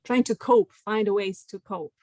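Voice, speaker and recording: A woman's voice: mid-range voice, normal speed, darkish tone. A woman speaking on a webinar panel about her advocacy work, hesitant and full of fillers. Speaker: health advocacy worker, panelist.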